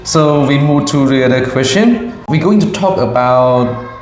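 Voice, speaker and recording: A young adult Cambodian woman with a Khmer accent speaks in a rumbling low, darkish voice with lively intonation, going a little slowly. She's an English teacher asking a child simple questions, patiently repeating each answer back and praising often. The room is echoey.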